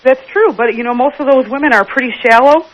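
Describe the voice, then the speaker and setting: A woman's voice: high-pitched, fast talker, highs cut off. A woman calling in to a radio show, arguing her side and defending herself. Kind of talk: debating on a call-in show.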